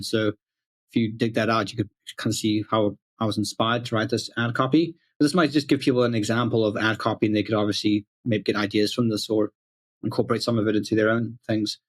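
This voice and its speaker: A man co-hosting a podcast, explaining things in a relaxed casual way. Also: on the low side, brisk. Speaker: podcast co-host.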